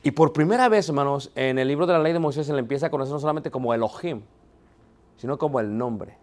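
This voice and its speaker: A Bible teacher leads a theology class, questioning his students and making sure they follow along, often posing rhetorical questions he then answers himself. His mid-range voice moves fast and carries a darkish tone.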